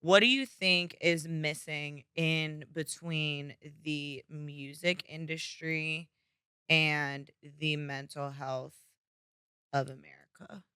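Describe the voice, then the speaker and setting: A woman's voice: low-pitched, steady tone, takes it slowly, pushed and bright, clean tone, dry recording, clean studio sound. A woman hosting a podcast, asking questions in casual chat with a teasing, playful manner. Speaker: podcast host.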